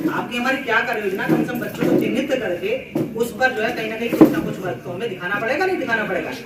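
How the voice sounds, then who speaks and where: A man's voice: extremely high pitch, heavy background noise. A man giving a presentation to fellow teachers at a cluster meeting. He explains at length, repeats words and leans on everyday examples. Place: school meeting room. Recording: echoey room, voice far from mic.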